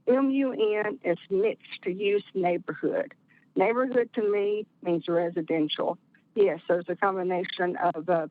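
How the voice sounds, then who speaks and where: Woman speaking over a tinny phone line. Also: mid-range voice. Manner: measured, with frequent uh fillers. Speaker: caller at a community meeting. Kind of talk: public comment. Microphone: phone call-in.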